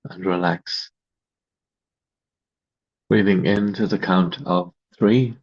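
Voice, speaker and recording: Hosting a guided meditation via video call, a man with a low, husky voice delivers slow and calm directions in measured short phrases with long gaps. The audio is dull and lo-fi.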